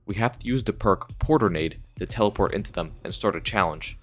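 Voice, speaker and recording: A low male voice over faint music. He narrates a scripted gaming retrospective as the channel's host, explaining things casually like an enthusiastic fan. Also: fairly quick, fairly bright tone.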